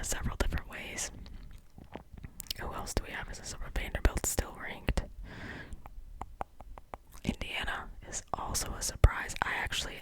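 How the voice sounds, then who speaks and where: Whispering right up against the microphone, a Midwestern-accented host rambles through ASMR sports chatter, full of ums and restarts. The recording is low quality.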